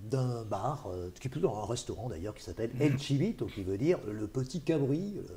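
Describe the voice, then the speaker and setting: A man's voice: medium pitch, animated, a little fast, dark tone. A man hosting a local TV talk show, introducing guests and steering the discussion. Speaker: TV host. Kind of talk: live studio talk show.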